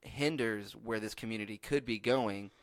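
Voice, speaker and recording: A man co-hosting a podcast chats casually as a rambling storyteller, often restarting his sentences and swearing a lot. His voice is on the low side at normal speed, with no echo.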